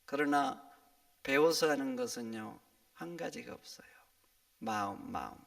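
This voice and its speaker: A man preaching a sermon as a pastor, dropping to hushed whispers and then rising to loud, emphatic cries. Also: medium pitch, expressive, unhurried, creaky, recorded from a distance. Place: church sanctuary.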